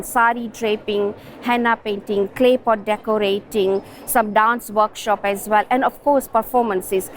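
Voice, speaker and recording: A woman community arts organiser speaking earnestly at an event, pausing to search for words. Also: on the high side, a little hiss or hum, low-quality recording. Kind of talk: interview at an event. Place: busy museum hall.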